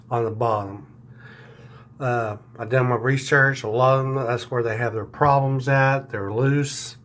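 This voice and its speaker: A man talking casually in an unscripted video diary, halting and searching for words, his speech affected by new dentures and a swollen mouth. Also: medium pitch, slight background noise. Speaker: vlogger sharing dental recovery diary.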